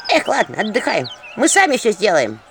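Imps, male, small and cheeky played by a woman: high squeaky chatter, lively swoops. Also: moderate pace, a little hiss or hum. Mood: busy fussing.

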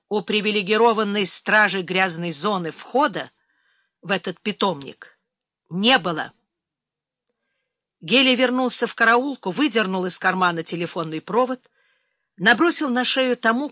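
A woman reading a crime thriller audiobook, giving the characters livelier, louder voices in dialogue. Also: no echo, clean studio sound. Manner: reads all characters, raising pitch and force for quarrelsome lines. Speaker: audiobook narrator. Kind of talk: audiobook narration.

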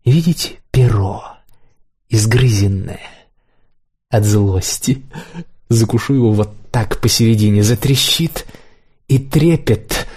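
A man voicing a spiteful, affected male theater critic with a creaky, squeaky voice, coquettish and insolent. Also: slow pace, long pauses, darkish tone. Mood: creaky, sly. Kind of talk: audiobook character reading.

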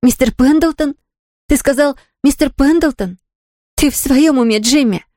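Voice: mid-range voice, fairly even intonation, fairly quick, darkish tone, no room sound, clean studio sound, natural voice. A reader voicing a distraught young woman who pleads through tears. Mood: indignant. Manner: pleading, tearful outbursts.

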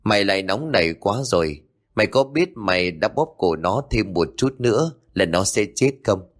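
A level-headed young man in a spoken ghost story, voiced by a male narrator, firmly urging his friend to stop and think. The voice sits low with an expressive pitch. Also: normal speed. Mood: steady. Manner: urging calm, commanding.

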